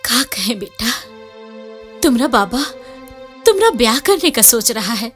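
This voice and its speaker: An actress playing a worried village mother who talks softly in rustic dialect to her teenage daughter. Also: on the high side, very animated, a little slow, soft background music. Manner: soft, tearful, rustic dialect.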